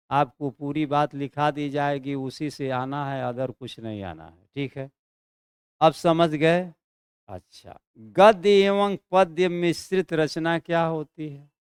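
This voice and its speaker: A male teacher giving an exam-prep Hindi class online, dictating slowly, drawing out and repeating words and checking in with his students. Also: on the high side, clear, resonant tone, dry recording, studio quality.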